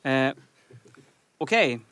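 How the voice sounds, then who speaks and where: A man's voice: medium pitch, expressive, sharp tone, smooth. A man hosting a live podcast quiz, reading out clues in an upbeat way. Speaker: quiz host.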